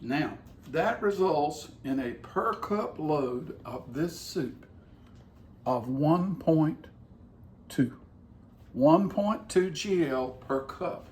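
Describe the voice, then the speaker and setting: A man's voice: a little high, lively intonation, drawn-out words, a little mellow, echoey room, distant mic. An older man, co-hosting a home cooking show and explaining nutrition step by step in a folksy, enthusiastic way. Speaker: cooking channel co-host. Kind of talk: casual chat, explaining nutrition. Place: home kitchen.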